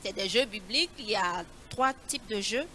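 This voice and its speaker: A woman leading a children's Bible riddle quiz, reading each clue slowly and repeating it in a coaxing way. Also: mid-range voice, expressive, pushed and bright, a little hiss or hum.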